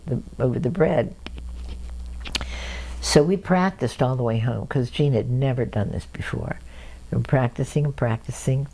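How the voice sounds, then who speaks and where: Older woman with a gravelly, dark voice. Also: rumbling low, poor audio. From Cleveland, Ohio, USA. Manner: lively anecdotal storyteller, chuckling often. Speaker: oral history interviewee. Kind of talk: storytelling in an interview.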